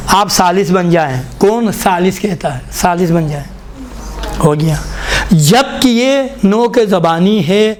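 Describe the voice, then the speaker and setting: High-voiced man teaching recitation sounds. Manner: repeats sounds slowly to demonstrate, asks students to listen. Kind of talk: classroom lesson on pronunciation.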